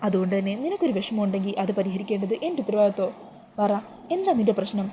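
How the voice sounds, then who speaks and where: A woman's voice: mid-range voice, expressive, fast talker, mellow, slight background noise, lightly acted. A woman voicing an outspoken elderly grandmother in a retold TV serial. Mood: commanding. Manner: blunt, commanding. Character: blunt elderly grandmother, head of the house.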